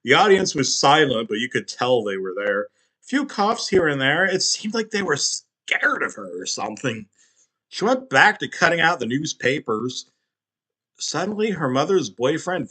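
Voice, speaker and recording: A man's voice: fairly high pitch, big pitch swings, moderate pace, sharp tone, breathy edge. Crude, sarcastic male creepypasta narrator. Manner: crude, sarcastic, profane asides.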